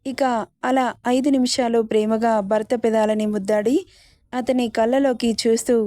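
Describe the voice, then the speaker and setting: A woman reading a romantic story as its narrator, in a steady, measured way. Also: a little high, no echo.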